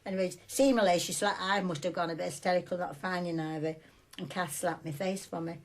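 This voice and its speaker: An older woman talks in a rambling, chatty way, as if telling a story over tea. Her voice sits a little low for a woman. She is being interviewed as a former shop supervisor. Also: level tone, a little fast. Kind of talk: conversational interview recollection.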